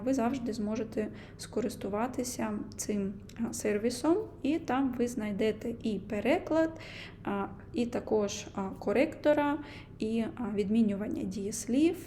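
A young woman teaching a language lesson, explaining grammar slowly and carefully, with frequent hesitations. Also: fairly high pitch, dark tone, slight background noise.

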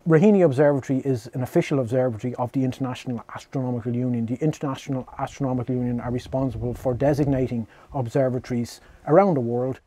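A man in his fifties with a Dublin Irish accent, explaining in a measured way as an amateur astronomer in a documentary interview. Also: mid-range voice, steady tone, warm tone. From Ireland. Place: open-roofed backyard shed observatory. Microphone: lapel mic.

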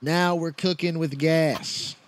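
A man streaming a shooter game, chatting casually and excitably, swearing and laughing as he plays. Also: on the high side, slow, a little hiss or hum. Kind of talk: casual gaming chat.

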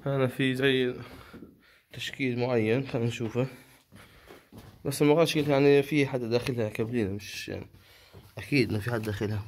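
A man with a Palestinian Arabic accent giving unscripted, observational commentary while filming in a rock cave, pausing to speculate. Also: medium pitch, fairly even intonation. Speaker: cave explorer filming and narrating. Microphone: handheld phone or camera. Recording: faint noise, handheld camera audio.

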